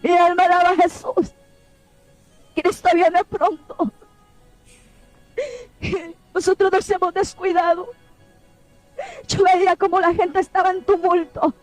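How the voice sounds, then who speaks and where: A woman's voice: very high voice, flat delivery, unhurried, long pauses, no room sound, soft background music, low-quality recording. A woman preacher earnestly recounting a dream as an emotional testimony, pleading and often close to tears.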